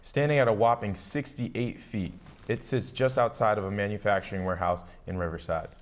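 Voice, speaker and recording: A man's voice: lowish voice, fairly quick. A young man co-hosting a student local news feature, reading a friendly script with light quips. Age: young adult.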